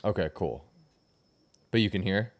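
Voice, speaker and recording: A man's voice: low-pitched, animated, measured pace. A young man hosting a casual livestream, laid-back and slangy, often trailing off mid-sentence. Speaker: livestream host.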